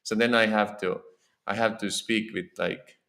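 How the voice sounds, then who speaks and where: This scripture lecturer has a lowish, sharp voice with fairly even intonation and a moderate pace, and there is slight background noise. Speaking earnestly in an Estonian accent, he gives an informal religious talk in a temple hall, repeating words while searching for phrasing.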